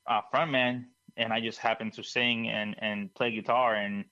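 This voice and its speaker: A man's voice: lowish voice, flat delivery, normal speed, pushed and bright. A man from Puerto Rico, a band singer and producer, answering casually, repeating words as he searches for them, on a dull lo-fi call line.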